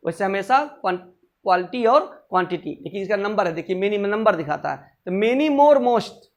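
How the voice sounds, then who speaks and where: A male teacher giving a classroom grammar lesson, repeating word forms slowly and drilling each point again and again. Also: very high voice.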